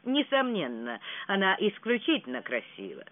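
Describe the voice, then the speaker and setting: Expressive audiobook narrator, tinny sound. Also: medium pitch, moderate pace, no echo. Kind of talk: audiobook narration of a romance novel.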